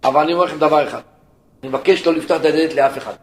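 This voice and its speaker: A stern, scholarly old sage speaks low and firm, as a man preaching puts him on. The voice sits fairly high for a man. It carries through an echoey room over a faint rumble. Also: steady tone, natural voice. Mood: calm, commanding.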